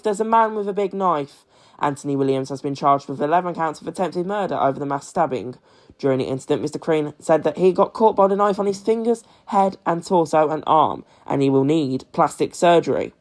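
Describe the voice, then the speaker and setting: A young British man reading an amateur news bulletin from a script in a measured, formal way. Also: on the high side. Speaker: news presenter.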